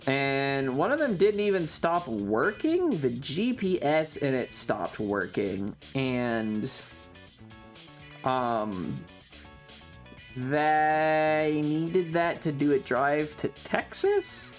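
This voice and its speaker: This stream host drifts through casual, profanity-laced chat with viewers in a sing-song, medium-pitched voice, speaking extremely slowly. Soft music plays in the background.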